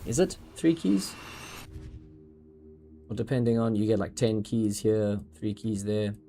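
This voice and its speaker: A man's voice: fairly low pitch, animated, measured pace, mellow. A man streaming a game live, chatting casually with his viewers and calling them bro and dude. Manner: laid-back, says bro and dude, talks to chat. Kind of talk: casual live gaming chat. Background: game music.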